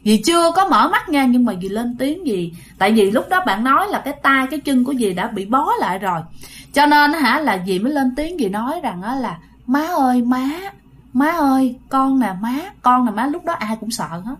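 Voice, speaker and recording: A woman's voice: high voice, lively intonation, fairly quick, fairly bright tone. A woman, chattily narrating a ghost story and addressing listeners directly.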